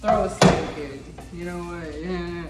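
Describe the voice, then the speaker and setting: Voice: medium pitch, a little slow, heavy background noise. A livestream host chatting casually while cooking, with crude, profane, teasing banter aimed at viewers and stammered, repeated phrase openings. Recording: music and sizzling pan behind. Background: music, food frying.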